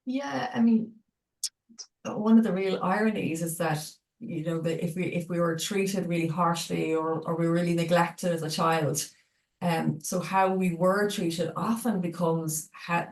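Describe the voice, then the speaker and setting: Low, gravelly woman, echoey and distant. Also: fairly even intonation. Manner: measured, explanatory. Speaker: clinical psychologist guest. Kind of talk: webinar discussion. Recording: echoey room, distant mic.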